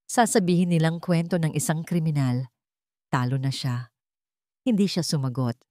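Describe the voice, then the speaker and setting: A woman narrates a scripted dramatic story in a low, slightly mellow voice. The sound is clean studio quality with no echo.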